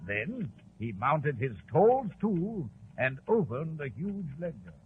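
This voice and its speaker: An actor playing a genial, courteous gentleman doctor telling stories from his memoirs in 1940s radio style. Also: a little high, big pitch swings, slightly rough, full character voice. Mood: storytelling. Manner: genial, courteous, measured storyteller. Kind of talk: 1940s radio acting, storytelling narration. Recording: tinny, noisy old radio recording.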